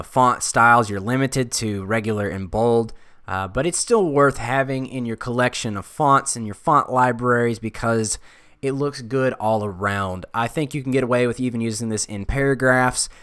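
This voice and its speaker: Young man, smooth clear tone, dry close sound, relaxed, lots of uhs. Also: medium pitch, normal speed, dry recording. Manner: relaxed, thinking aloud with frequent uhs. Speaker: design video creator. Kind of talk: casual screen-recorded tutorial talk.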